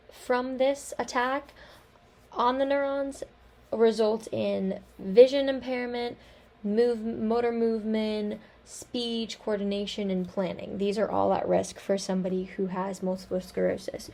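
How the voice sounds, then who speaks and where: A woman's voice: mid-range voice, fairly even intonation, measured pace, darkish tone. A young woman giving a class presentation, talking casually with frequent ums and likes. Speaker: student presenter.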